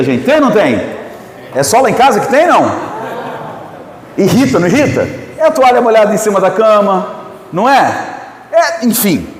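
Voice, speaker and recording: A man's voice: sits high, echoey room, long reverb tail, a little hiss or hum. A Brazilian man preaching a sermon to married couples, telling stories and asking his audience questions. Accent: Brazilian Portuguese. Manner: lively storytelling, asks the audience questions. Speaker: pastor.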